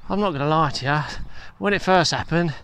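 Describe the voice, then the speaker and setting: A man's voice: on the high side, a little fast, a bit bright, smooth. A man chatting in a rambling, self-mocking way while he walks outdoors and films himself on a handheld phone. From England. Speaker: vlogger. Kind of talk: casual walking vlog chat. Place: outdoors on a countryside walk. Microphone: handheld phone camera.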